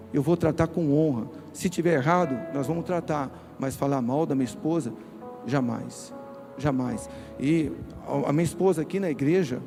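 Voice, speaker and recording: A man with a Brazilian Portuguese accent preaching a sermon in church, emphatic and speaking straight to his listeners. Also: on the high side. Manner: emphatic, direct, addresses listeners. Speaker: pastor.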